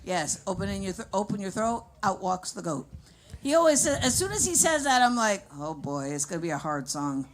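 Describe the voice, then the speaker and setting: A woman hosting an open mic night, talking loudly through a heavily compressed microphone. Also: medium pitch, big pitch swings, a little fast. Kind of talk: live emcee banter.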